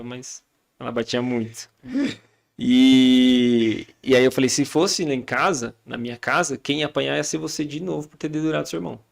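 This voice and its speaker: Brazilian man in his thirties, podcast guest, very gravelly, talks fast, acts out family scenes. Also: medium pitch. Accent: Brazilian Portuguese. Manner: storytelling, acting out family dialogue. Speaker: podcast guest, father and church leader. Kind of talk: casual chat.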